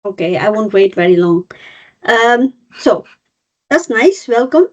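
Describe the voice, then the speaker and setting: Over dull, lo-fi video call audio, a cross-cultural trainer in her fifties from Nepal and India presents a webinar online. She explains things step by step, often using fillers and restarting sentences. Her medium-pitched voice has lively intonation and a measured pace.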